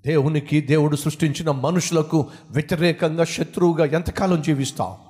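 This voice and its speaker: A man's voice: fairly high pitch, steady tone, a little fast, a little mellow, long reverb tail. A man preaching a sermon, speaking emphatically, piling up repeated lists and addressing the listener directly. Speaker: pastor.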